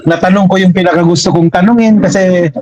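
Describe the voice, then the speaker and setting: Animated Filipino man telling stories. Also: high voice, quick pace, low-quality recording. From Mindanao, Philippines. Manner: animated, lively storyteller. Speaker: guest comic artist. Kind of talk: casual storytelling.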